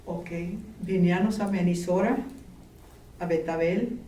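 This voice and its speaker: Woman, slow and gentle, interview answers, echoey room, faint hum. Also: lowish voice, fairly even intonation. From Mexico. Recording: roomy, distant, faint background noise.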